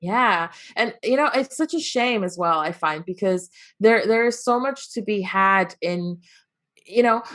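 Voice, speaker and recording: In a casual interview, a young entrepreneur from Taiwan with an American accent chats as the guest, her mid-range voice expressive, fairly bright and a little slow. She laughs frequently and restarts her sentences.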